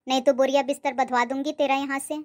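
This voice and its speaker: A woman's voice: sits high, level tone, fast, close to an everyday voice. A woman voicing a haughty, spiteful young second wife in a cartoon story, who talks in a sneering, insulting, commanding way.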